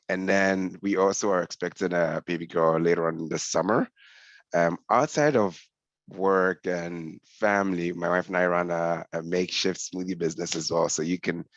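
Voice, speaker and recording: Deep-voiced man from Ghana presenting. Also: no echo. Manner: conversational, explanatory. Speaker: senior scrum master presenting. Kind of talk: online webinar presentation. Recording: dull lo-fi call audio.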